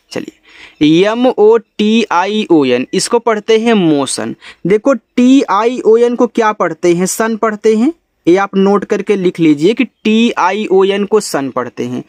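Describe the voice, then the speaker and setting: Man, teacher, spells words letter by letter, higher-pitched, dry recording. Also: expressive, a little mellow, dry recording. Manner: spells out letters slowly, then explains in Hindi. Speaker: English teacher. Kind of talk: spelling lesson.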